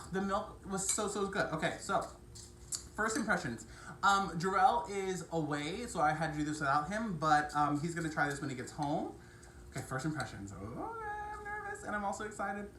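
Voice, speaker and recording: Chatty low-voiced woman reviewing cereal. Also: a bit bright, roomy sound, a little hiss or hum. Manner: chatty and enthusiastic, lots of fillers and asides. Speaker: food review vlogger. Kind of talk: casual product review to camera.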